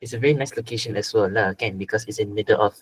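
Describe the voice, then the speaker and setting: A man's voice: lowish voice, rapid-fire, breathy edge, poor audio. A man with a Malaysian accent moderating an informal event, introducing and thanking speakers.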